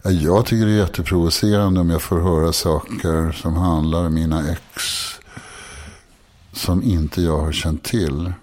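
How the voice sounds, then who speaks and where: A man in his sixties talking frankly and confessionally, halting often and restarting his sentences. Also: deep voice, fairly even intonation, a little mellow. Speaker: guest. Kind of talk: candid personal conversation.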